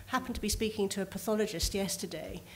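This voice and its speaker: A woman on a discussion panel, talking in a brisk, indignant and emphatic way. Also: mid-range voice.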